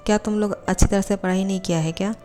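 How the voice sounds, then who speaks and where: A woman's voice: mid-range voice, fairly even intonation, fast, warm tone, in a large hall, soft background music, natural voice. Woman reading as a stern college teacher. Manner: questioning, scolding.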